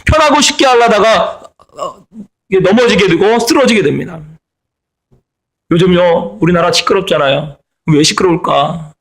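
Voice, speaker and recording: A man's voice: sits high, normal speed, gravelly. A middle-aged man preaching a sermon as pastor, stressing and repeating his key phrases.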